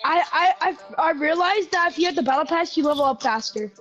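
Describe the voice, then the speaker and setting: A woman's voice: high-pitched, lively intonation, fast, dull audio. A woman chatting casually with a teammate over a headset while gaming, rambling and repeating herself in slangy talk.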